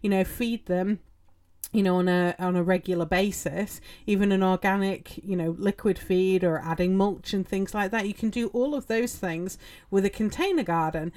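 A woman's voice: mid-range voice, moderate pace, a little mellow. Woman podcaster rambling about her garden, lots of ums, easygoing chatter. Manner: chatty, rambling, many ums and you-knows. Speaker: podcast host. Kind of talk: casual solo podcast talk.

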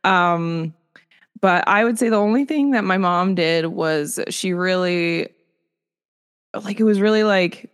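A woman in her thirties chats candidly as a podcast co-host, her voice sitting a little low. She laughs often and lets thoughts trail off before picking them back up. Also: measured pace, smooth. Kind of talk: casual chat.

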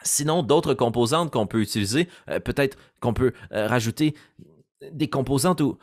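Speaking at a moderate pace in a mid-range voice, a man who runs games as a game master teaches voice acting in a relaxed tutorial, lively and acting out each character voice while he explains it. The recording is dry with clean studio sound.

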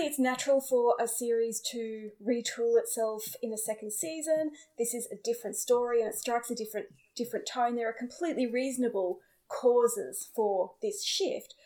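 A woman co-hosting a casual podcast chat, opinionated and animated, talking in long thoughtful runs. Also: fairly high pitch. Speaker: podcast co-host.

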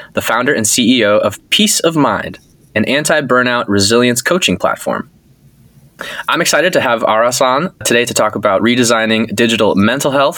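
A man hosting a startup podcast, reading a bright intro and then asking casual questions with some restarts. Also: medium pitch, dry recording. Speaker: podcast host.

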